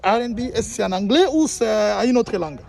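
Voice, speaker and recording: A man's voice: high voice, animated, brisk, vocal fry, darkish tone. Rambling male interviewer. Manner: repetitive, rephrases questions, many fillers. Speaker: interviewer, journalist. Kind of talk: casual interview questions.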